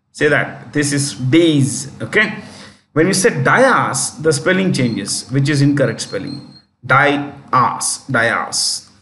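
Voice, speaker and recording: A man with an Indian English accent teaches a current affairs lesson in a loose, chatty way, often stopping to correct himself and spell words out letter by letter. His voice sits at a middle pitch, and faint noise hums behind him.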